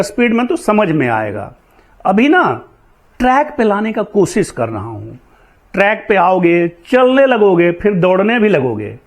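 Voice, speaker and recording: A man teaching an English grammar class, drilling pronunciation word by word and correcting common mistakes. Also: high-pitched.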